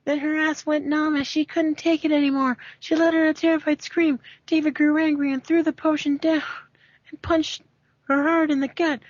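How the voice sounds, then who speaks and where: Delivering an amateur dramatic reading of fanfiction, this woman trips over words, sounds amused, and drops in casual remarks. She speaks at a moderate pace in a high, flat voice, and the muffled home recording is dry, with no room sound.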